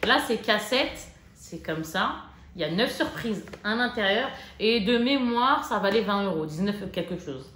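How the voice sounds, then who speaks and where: Lively, chatty woman in an echoey room. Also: medium pitch, a little slow. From France. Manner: chatty, excitable, joking asides. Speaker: vlogger showing a shopping haul. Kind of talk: casual chat to camera. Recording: echoey room with faint noise.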